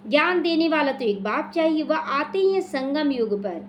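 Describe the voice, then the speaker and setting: A woman's voice: high-pitched, lively intonation, normal speed, lo-fi sound, slight background noise. A woman teaching a devotional class, explaining scripture and answering her own questions. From India. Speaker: spiritual teacher explaining the daily murli. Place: small prayer hall.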